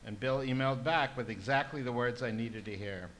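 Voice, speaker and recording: A man reading a tribute at a memorial event, recalling his work as a journalist in a measured, steady way. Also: mid-range voice, low-quality recording. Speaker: former student giving a memorial tribute. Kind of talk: read-out speech at a memorial event. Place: event room.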